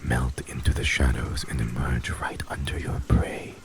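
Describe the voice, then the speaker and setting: In an ASMR audio drama, a man voices a cold, commanding vampire mafia boss. His gravelly, rumbling low voice barely shifts in pitch, and he speaks with formal, grave, measured gravity, like a dark incantation.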